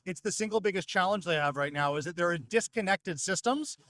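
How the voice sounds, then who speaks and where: A North American man with a high, bright voice speaks briskly, giving a fluent, well-structured product explanation. He is a company representative being interviewed in a trade show exhibition hall.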